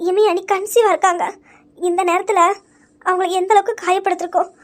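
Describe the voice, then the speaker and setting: A woman voicing a young woman in an audio story who comforts a crying friend, gently but firmly pointing out her mistakes. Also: extremely high pitch, steady tone, a little fast. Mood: consoling. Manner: gentle but firm, reasoning and reproaching.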